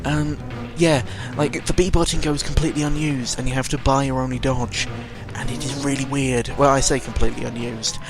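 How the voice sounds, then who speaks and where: A British man speaks a little fast with few pauses, his mid-range voice steady, as he gives loose, unscripted commentary on a game. His tone is sarcastic and mildly sweary, with a close mic and game music audible.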